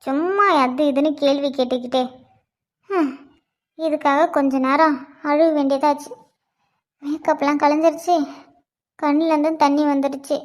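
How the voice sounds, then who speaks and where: A woman doing a high-voiced scheming young wife. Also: close to an everyday voice. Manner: pleading, then sly muttering to herself.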